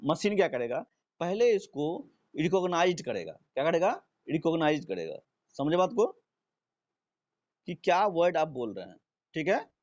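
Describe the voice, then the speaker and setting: A man's voice: on the high side, big pitch swings, normal speed, darkish tone. A man teaching a live online class, who keeps asking his students if they follow and repeats his own questions. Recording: dull lo-fi stream audio.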